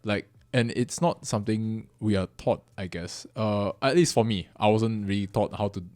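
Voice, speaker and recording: A relaxed young man in a casual podcast chat. He restarts his thoughts often and fills gaps with ums. His voice is low and dry, recorded up close. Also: moderate pace, no room sound. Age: young adult. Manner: easygoing, hesitant, lots of ums and restarts. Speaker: podcast co-host.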